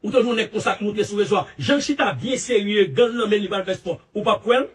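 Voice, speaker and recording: Animated high-voiced Haitian Creole man. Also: a little fast, recorded from a distance. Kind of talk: casual commentary.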